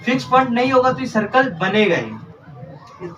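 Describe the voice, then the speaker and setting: A man's voice: extremely high pitch, sing-song, unhurried, distant mic, background noise. A male tutor teaching a live class, asking questions and repeating the answers. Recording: echoey room, recorded from afar.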